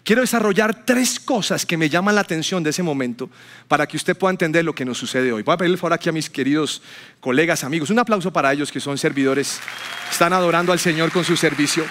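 Pastor guy preaching in church, high voice, tells stories and does the voices. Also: quick pace, a bit bright, a faint crowd. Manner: storytelling, acts out quotes with rising voice. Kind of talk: sermon. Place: church hall with congregation.

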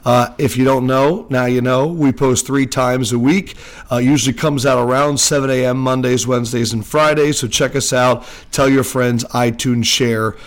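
Man, podcast host, recorded under a blanket, casual chatty delivery, mid-pitched voice. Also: steady tone, moderate pace. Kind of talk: casual sports podcast chat. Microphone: home microphone under a blanket.

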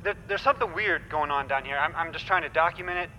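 In a naturalistic audio drama, a man plays a nervous, nerdy tech support worker who stammers and hesitates while sounding anxious and insistent. His voice is fairly high, sharp, and fast, and the dull recording has faint ambient noise.

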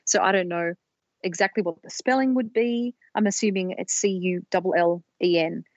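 The recording is dull, lo-fi, and dry, carrying a woman's fairly low-pitched voice at a moderate pace. She's a podcast co-host going carefully through her research, casual and explanatory, with little restarts.

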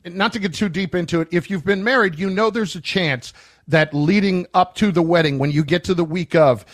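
A man's voice: sits high, a little fast. A man co-hosting a talk radio show, chatting casually with an amused, wry, teasing manner. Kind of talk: casual sports radio banter.

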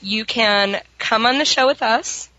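A woman's voice: fairly high pitch, measured pace, pushed and bright, no room sound, muffled recording. A woman podcast panelist talking in a casual, chatty style. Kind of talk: casual chat.

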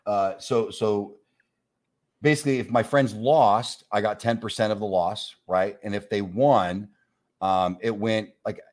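A man's voice: fairly low pitch, measured pace. A man in his forties telling a long anecdote in casual chat, swearing freely and acting out both sides of conversations. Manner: animated storyteller, swears freely, acts out both sides of dialogue. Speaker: guest storyteller. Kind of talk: casual anecdote on a talk show.

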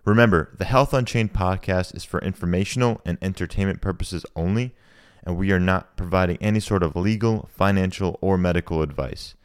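Male podcast host with a deep voice and a dry, close sound; upbeat and conversational. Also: a little fast, smooth, no echo. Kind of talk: podcast interview.

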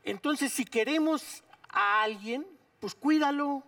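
Mexican man, guest doctor, earnest pleading advice, mid pitch, off-mic in studio. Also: slow, pushed and bright, recorded from a distance. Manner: urgent, pleading, uses slang. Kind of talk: earnest health advice on a talk show.

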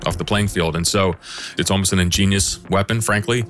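A man's voice: low voice, fairly even intonation, a little fast, a bit bright. A man explaining conversationally as an expert in an interview. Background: music.

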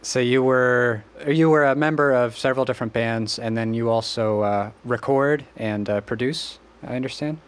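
A man's voice: medium pitch, normal speed, hardly any pauses. Casual male podcast host asking questions. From Western Massachusetts. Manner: friendly, curious questioning. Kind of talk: casual interview.

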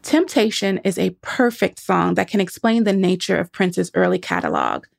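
A woman's voice: on the low side, very animated, moderate pace, vocal fry, no echo. A woman hosting a podcast, narrating and conversing on a close studio microphone. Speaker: podcast host. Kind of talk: scripted podcast narration, some conversational interview.

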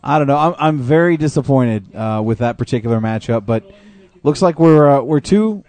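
A man's voice: mid-range voice, expressive, normal speed, darkish tone. A man giving informal, critical wrestling commentary, narrating the action move by move like a play-by-play commentator. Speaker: host calling the matches as play-by-play commentator. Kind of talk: live wrestling commentary, conversational.

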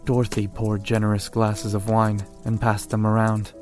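A man narrates a horror story in the first person, measured and unhurried. His voice sits low and barely moves in pitch, with soft music underneath. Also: monotone.

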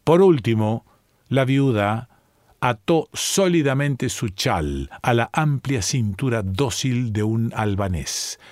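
A man narrating a literary story aloud in a measured, deliberate way. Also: mid-range voice, no echo, clean studio sound. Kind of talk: audiobook story reading.

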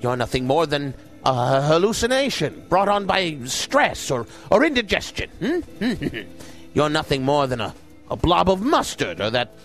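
A man playing a miserly, bullying radio station boss in an audio drama, haughty, fussy and sharp in manner. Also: a little high, sing-song, a little slow, soft background music, full character voice. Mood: startled, flustered.

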